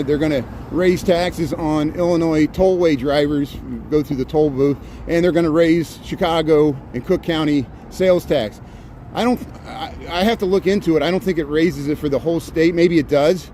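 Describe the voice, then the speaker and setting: A chatty livestream host from Indiana in the US Midwest rambles and laughs often while walking down a busy city street. His voice is a little high with a warm tone, and street traffic noise runs behind him.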